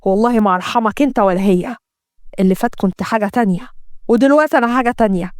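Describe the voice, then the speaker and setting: A woman's voice: fairly high pitch, very fast, darkish tone, no echo, clean studio sound, lightly acted. A woman with an Egyptian accent voicing a young husband, once blind, who speaks in an earnest, intense way. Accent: Egyptian Arabic.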